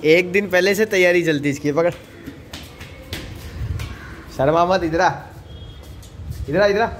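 A man's voice: sits high, a little slow, faint music behind. A young man from Surat vlogging outdoors in his housing society, casually teasing and coaxing the neighborhood kids. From Surat, India. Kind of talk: casual vlog chat. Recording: noisy outdoor street.

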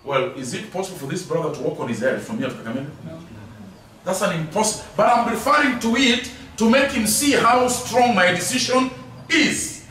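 A man's voice: sits high, a little fast, a bit bright. A man giving a Bible lesson, emphatic, repeating key words and asking rhetorical questions. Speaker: Bible teacher. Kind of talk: classroom Bible teaching. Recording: very echoey hall, distant mic, faint noise.

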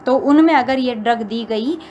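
Woman lecturer, steady explaining. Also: on the high side. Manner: repeats points, reads English lines slowly then explains. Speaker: pharmacology lecturer. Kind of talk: recorded lecture explaining slowly. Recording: faint background noise.

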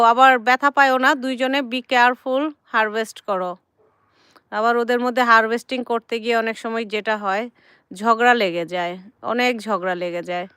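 A chatty woman in her thirties vlogs from her garden, her voice bright and crisp. She is close to the mic with a dry, roomless sound, gently coaxing her kids and turning to speak to her viewers. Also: on the high side, no echo. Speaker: vlogger and mother. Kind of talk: casual garden vlog chat. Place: home garden outdoors, sitting with tea.

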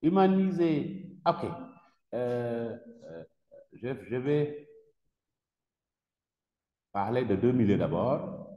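A man's voice: medium pitch, expressive, very slow, long pauses, muffled recording. A man with a Senegalese French accent teaching a class, questioning students and repeating key words with emphasis. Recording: echoey classroom with long reverb.

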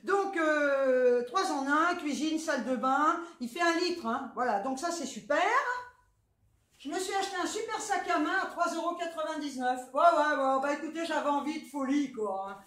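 A woman's voice: high-pitched, moderate pace, a bit bright. A woman with a southern French accent, chatting frankly and cheekily through a grocery haul, swearing freely. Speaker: vlogger showing a grocery haul. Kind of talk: casual haul chat. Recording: echoey room.

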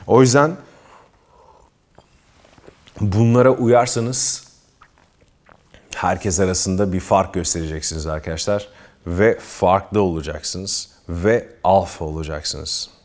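Low-voiced earnest male advice vlogger. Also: takes it slowly, long pauses, darkish tone. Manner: earnest, emphatic, keeps addressing viewers as friends. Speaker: self-improvement vlogger. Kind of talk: advice talk to camera.

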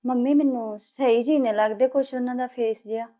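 A woman's voice: fairly high pitch, steady tone, a little fast, narrow, tinny audio, lightly acted. An actress playing a new bride who hesitantly questions her husband about his family. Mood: worried. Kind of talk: village family drama acting.

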